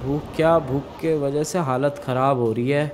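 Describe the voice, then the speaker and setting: Young man, gaming commentary, hushed then shouting, excitable, faint background noise. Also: mid-range voice, normal speed. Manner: hushed whispering that bursts into loud excited shouting. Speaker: gaming YouTuber. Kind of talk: game role-play commentary.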